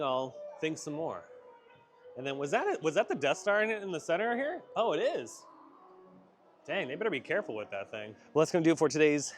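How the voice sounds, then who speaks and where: A man hosting a casual theme park vlog outdoors at night, goofy and rambling. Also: a little high. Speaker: vlog host.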